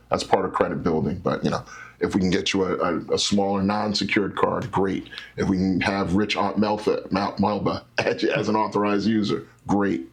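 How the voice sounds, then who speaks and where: Low husky man explaining credit. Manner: animated, teacherly, acts out scenarios. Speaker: credit specialist guest. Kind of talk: explaining with stories in an interview.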